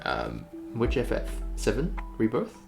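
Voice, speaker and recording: This game developer talks through his work on a livestream, rambling casually as music plays underneath. His creaky, mid-range voice swoops wildly in pitch, and he speaks a little slowly.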